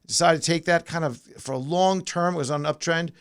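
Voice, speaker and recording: A man's voice: a little high, fairly quick, clean tone. A man hosting a pre-market stock show, casually talking through charts and thinking aloud with fillers and restarts.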